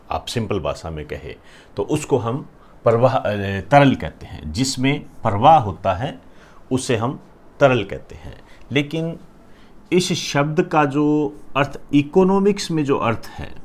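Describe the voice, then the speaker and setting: A male teacher delivers an unhurried lecture in a mid-range voice. He repeats key terms and pauses to check understanding. Faint writing sounds can be heard behind him. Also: medium pitch, animated. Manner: slow, repetitive, often checks with "clear?". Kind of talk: classroom lecture.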